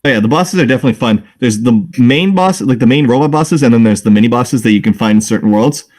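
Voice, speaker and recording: A man's voice: medium pitch, fast, darkish tone. A man co-hosting a casual gaming podcast, joking and teasing the others. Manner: playful, teasing banter. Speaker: podcast co-host.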